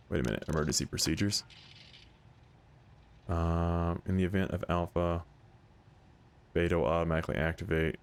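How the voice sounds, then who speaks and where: A man's voice: sits low, vocal fry. A man giving casual, irreverent gameplay commentary as a video host, blunt and slangy.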